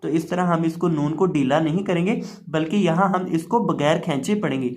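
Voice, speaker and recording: Man, high voice, Quran teacher, tajweed lesson, patient explanations, repeated examples, slow chanted demonstrations. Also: darkish tone.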